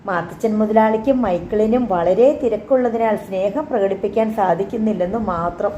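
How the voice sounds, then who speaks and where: A reserved young man gives short, hesitant replies, as a woman narrating an audiobook reads him. The voice is mellow and soft. The recording sounds roomy and slightly muffled. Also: medium pitch, moderate pace, a little hiss or hum, natural voice.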